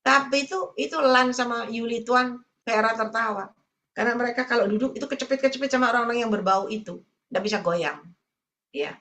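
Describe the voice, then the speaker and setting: A woman evangelist delivers a sermon in a high, bright voice. She tells her stories directly to the congregation and keeps calling them brothers and sisters. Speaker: evangelist preacher.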